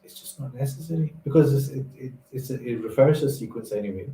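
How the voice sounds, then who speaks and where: A man's voice: medium pitch, fast talker, dark tone, reverberant, a little hiss or hum, low-quality recording. A man co-hosting a casual scholarly discussion, reading a translation aloud and weighing word choices, hesitant with fillers and given to dry humor.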